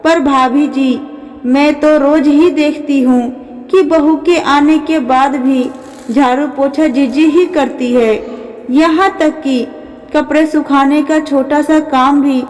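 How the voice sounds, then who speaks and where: A woman's voice: high voice, steady tone, slow, a little mellow. Woman doing a spiteful gossiping aunt-in-law, reverb-washed. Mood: snide. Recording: long reverb.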